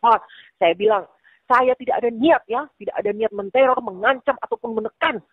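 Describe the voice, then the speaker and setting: A woman's voice: fairly high pitch, fairly quick, husky, no echo. A woman giving a heated personal account, agitated and quoting her own past words. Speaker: woman in a leaked recorded call. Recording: tinny phone-line recording, dry.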